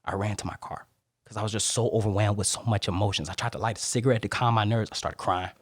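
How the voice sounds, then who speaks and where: A man's voice: lowish voice, steady tone, fast talker, dry recording, clean studio sound. A man speaking as a guest on a podcast, earnest and heartfelt, opening up with plenty of emotion. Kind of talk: casual podcast interview. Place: podcast studio, in person with host. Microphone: studio microphone.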